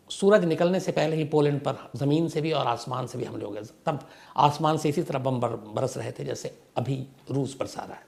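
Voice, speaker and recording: A man's voice: mid-range voice, creaky, a little mellow. A man narrating a history story in a conversational way, emphatic and asking rhetorical questions as he goes.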